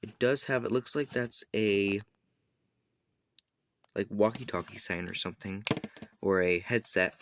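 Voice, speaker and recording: This fairly low-voiced man, his tone a bit bright, reviews a product informally without a script, backtracking now and then to correct himself as he explains each step a little haltingly. A slight hiss or hum sits under the recording.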